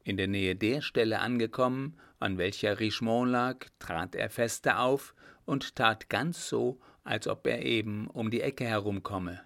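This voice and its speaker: A man narrating a period novel as an audiobook, with steady, even storytelling. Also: on the low side, measured pace, vocal fry, few pauses.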